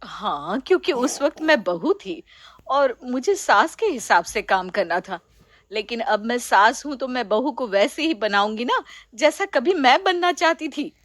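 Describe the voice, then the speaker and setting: A woman's voice: on the high side, big pitch swings, a little slow, a bit bright, no echo, exaggerated voice. A woman voicing a kind, open-minded middle-aged mother-in-law in a storybook, patient and motherly. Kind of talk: storybook voice acting.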